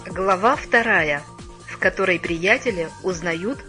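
A woman narrating a children's story in an even, measured reading voice, on a dull lo-fi recording. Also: on the low side, soft background music. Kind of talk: audiobook narration.

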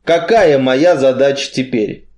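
A man voicing a big, heavy, gloomy strongman who talks bluntly in a muffled, slow way. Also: medium pitch, a little mellow, lightly acted. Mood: grim.

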